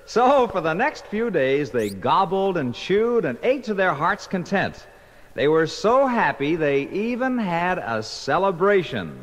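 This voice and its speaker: A man narrating a children's storybook record in an animated storytelling manner. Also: sits high, a little slow. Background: orchestral music.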